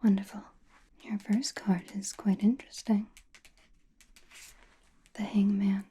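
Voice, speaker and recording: A woman playing a confident, mysterious witch and fortune teller in an ASMR roleplay, whispering breathily in a slow, soothing way with musing pauses. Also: mid-range voice, flat delivery, warm tone, slight background noise, lightly acted. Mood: calm, mysterious.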